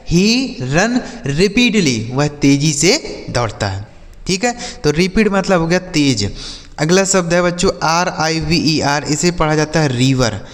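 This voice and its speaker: A man teaching English words to children, spelling each word out letter by letter and repeating every example slowly. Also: on the high side, in a large hall. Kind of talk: vocabulary lesson for children.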